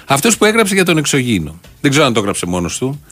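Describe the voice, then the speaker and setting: A man's voice: mid-range voice, huge pitch swings, a bit bright, breathy edge. A man co-hosting a satirical chat show, picking apart political gaffes with mocking analysis and frequent laughs. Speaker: co-host.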